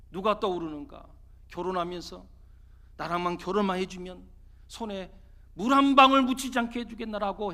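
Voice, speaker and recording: A man preaching as pastor, telling a story in an animated, dramatic way with emphatic exclamations. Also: high voice. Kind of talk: sermon with storytelling.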